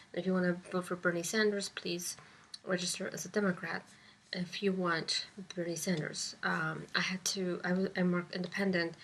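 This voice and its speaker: A woman's voice: fairly low pitch, fairly bright tone, slight background noise. Rambling woman vlogger with whispery asides. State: sleepy. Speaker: vlogger and public access show host. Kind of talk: casual political commentary.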